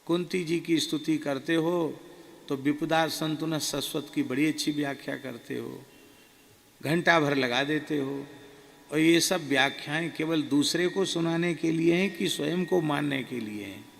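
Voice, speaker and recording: A man voicing his elderly guru, who is affectionate and gently scolding and asks emphatic questions. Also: a little high, unhurried, gravelly, long reverb tail. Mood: gently chiding. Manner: warm admonishing, emphatic questions.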